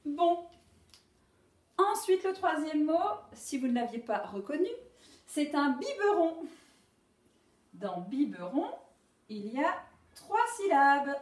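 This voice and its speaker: A woman teaches young children their sounds, drawing each word out slowly in a high, lively voice. She breaks off now and then to correct herself with a quick apology. The recording sounds roomy, with her voice set back from the mic. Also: recorded from a distance. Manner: slow, drawn-out word modelling with animated pitch; self-correcting, apologetic asides. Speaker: primary school teacher. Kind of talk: remote phonics lesson for young children. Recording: echoey room, voice off-mic.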